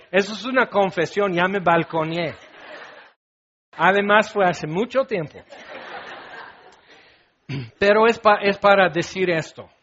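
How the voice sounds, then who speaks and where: Middle-aged man preaching, high-pitched voice, lively and theatrical, slightly muffled recording. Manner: animated, acts out scenes with shouts and laughs. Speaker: pastor. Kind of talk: sermon.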